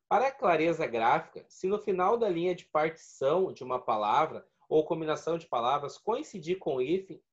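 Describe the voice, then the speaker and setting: A man's voice: high-pitched, highs cut off. A man teaching a video lesson, explaining rules step by step and repeating key points. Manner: explanatory, repeats points and counts syllables aloud.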